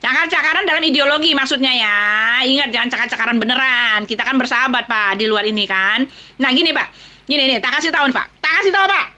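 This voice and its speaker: A woman's voice: high-pitched, fast talker, pushed and bright. A woman in a heated religious debate, combative and speaking straight to her opponent. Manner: combative, addressing opponent directly.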